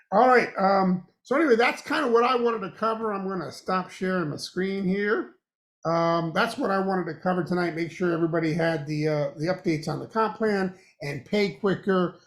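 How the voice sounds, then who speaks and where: A man's voice: high-pitched, moderate pace. A man hosting an online business presentation, upbeat and salesy, laughing easily as he walks through a plan. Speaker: host presenting a compensation plan. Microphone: video call.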